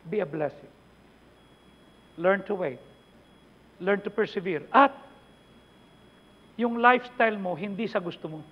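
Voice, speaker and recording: A man's voice: high voice, unhurried, long pauses. A middle-aged man with a Filipino accent, preaching a chatty, conversational sermon with asides to the congregation. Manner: mixes Tagalog and English, chatty asides to the congregation. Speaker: pastor. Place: church hall. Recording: dull reverberant church hall recording.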